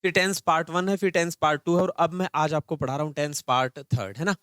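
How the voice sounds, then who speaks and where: Male grammar teacher, young, quick delivery, slightly high voice, dry close sound. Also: a bit bright, smooth, no room sound. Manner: fast-talking, repeats questions back to students. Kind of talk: live online class lecture.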